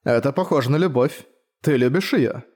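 A man voicing a calm, mocking ghostly father in a fantasy audiobook, speaking softly and unhurriedly. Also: medium pitch, normal speed, close to an everyday voice.

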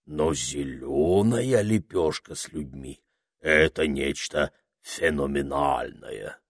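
A man voicing a huge, kindly creature who is hard of hearing and talks slowly in a pompous, fussy way. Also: extremely low pitch, gravelly, dry recording, clean studio sound, voice pushed down, exaggerated voice. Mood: amazed.

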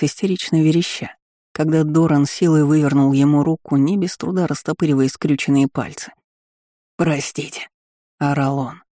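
A man reading a fantasy novel aloud as narrator, in calm, measured scripted narration. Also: fairly high pitch, no room sound, studio quality. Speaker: audiobook narrator.

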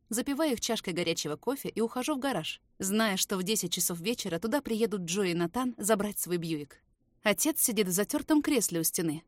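A woman narrating a novel in the first person, steady and even. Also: medium pitch, dry recording, clean studio sound. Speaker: audiobook reader.

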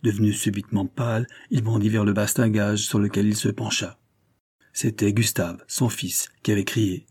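A man narrating an adventure novel in a steady, measured storytelling voice. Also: fairly low pitch, husky. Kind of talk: scripted audiobook narration.

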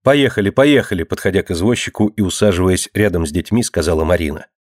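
A man narrating an audiobook in a steady storytelling manner. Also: low-pitched, fast talker, dry recording, clean studio sound.

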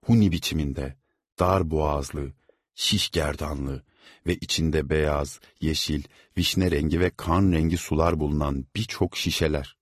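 Guy reading an audiobook, low husky voice, dry close sound. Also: dry recording. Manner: measured, steady reading. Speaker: audiobook narrator. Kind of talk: scripted narration.

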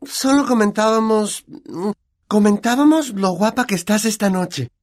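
A man's voice: high voice, pitched above the performer's own voice. A man voicing a know-it-all schoolgirl. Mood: flustered. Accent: Latin American Spanish. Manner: brisk, earnest, a bit know-it-all. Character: clever bossy schoolgirl.

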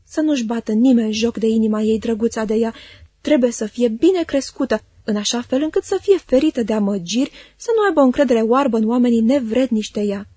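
A stern, imperious old spinster aunt, played by a woman reading an audiobook who barks brusque commands at a deliberate pace. The voice is mellow and a little husky, slightly high, recorded close and dry. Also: no room sound. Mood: brusque, commanding.

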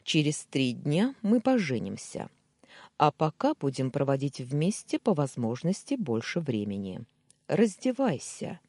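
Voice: mid-range voice, big pitch swings, measured pace, a little mellow, dry recording. A reader voicing a possessive, domineering man. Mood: insistent. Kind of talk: audiobook dialogue reading.

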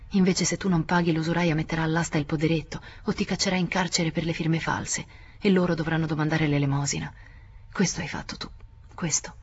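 A woman's voice: on the low side, slightly rough, lo-fi sound. A woman voicing a feverish, anguished young man. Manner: hushed, pleading, near-whispered. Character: young man, feverish, tormented, guilt-ridden.

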